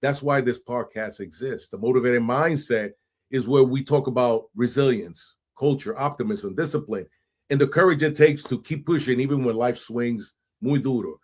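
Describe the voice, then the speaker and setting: A man hosting a podcast, energetic and hype, sprinkling in Spanish phrases and frequent "right?". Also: medium pitch, normal speed. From New York City. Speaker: podcast host. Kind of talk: animated podcast intro and interview.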